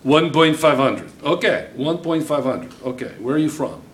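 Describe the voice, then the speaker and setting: Standing at the whiteboard, a middle-aged chemistry teacher solves problems at a normal speed, cheering his class on and firing questions at them throughout. His pitch sits fairly high. The sound comes from a distant camera in a spacious classroom and carries a little hiss or hum.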